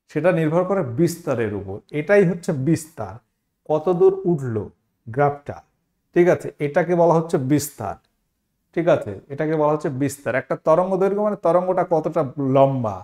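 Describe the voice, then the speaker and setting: A man's voice: on the high side, darkish tone. A man teaching an exam-prep science lesson, explaining step by step, repeating key terms and asking the students questions.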